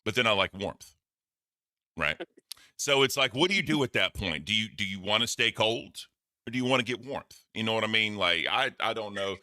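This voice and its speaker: Southern guy rambling and cussing on a stream, groggy, low and bright-edged voice. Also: animated, moderate pace, dry recording, clean studio sound. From American South. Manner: rambling, profane, loud outbursts. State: groggy, overheated. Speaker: livestream co-host. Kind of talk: casual livestream chat.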